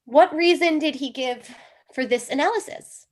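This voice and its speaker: A woman's voice: high-pitched, moderate pace, lightly acted. A woman reading the role of an earnest wife devoted to dream analysis, with an emphatic, theatrical delivery in a comic play reading. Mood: agitated.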